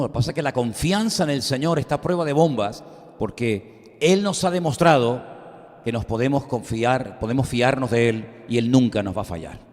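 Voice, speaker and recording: A man's voice: medium pitch, darkish tone. A middle-aged man preaching a sermon the pulpit, emphatic and full of rhetorical questions to the congregation. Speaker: pastor. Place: church sanctuary. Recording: long church reverb.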